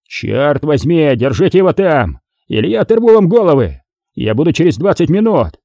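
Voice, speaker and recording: A volatile, furious gang boss snarls and roars his threats, as a male narrator puts him on. The voice climbs well above the reader's own, husky and dark. It is a dry audiobook reading. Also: high voice, big pitch swings, normal speed, dry recording, voice pushed up, full character voice. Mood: raging. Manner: snarling, yelling threats in bursts.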